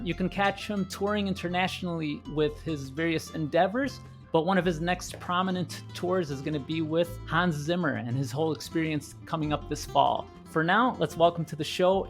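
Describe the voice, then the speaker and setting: A man hosting a guitar podcast, giving a polished, upbeat introduction and asking interview questions. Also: a little high. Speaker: podcast host.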